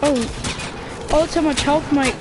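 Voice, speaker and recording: A woman's voice: high-pitched, fairly even intonation, slow pace, heavy background noise. A young woman chatting casually and swearing freely while she plays a game, mocking her own skill. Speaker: gamer. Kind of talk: casual gameplay commentary.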